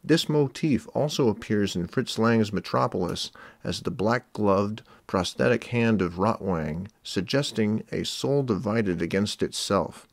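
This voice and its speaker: A man narrates an analytical essay in a measured, explanatory tone. His voice sits a bit low, and the recording is dry with no room sound. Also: lively intonation, vocal fry, dry recording.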